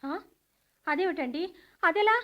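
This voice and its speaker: An actress playing a distressed young daughter who pleads against an arranged marriage, in a radio drama. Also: female voice, very high voice, lively intonation, measured pace, muffled recording. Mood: distressed pleading. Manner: pleading, upset.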